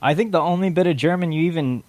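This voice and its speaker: A man's voice: on the high side, fast talker, a little mellow, dry recording. A man co-hosting a movie podcast in casual chat, agreeable and laughing mid-sentence. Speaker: podcast co-host. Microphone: studio microphone.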